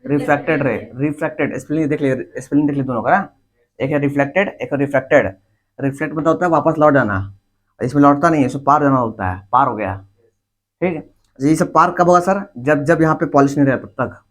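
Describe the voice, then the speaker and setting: A man's voice: fairly high pitch, fast. A male teacher giving a class lecture, repeating key words and asking the class questions that he answers himself. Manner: repetitive, asks questions and answers them himself; informal, addresses students directly.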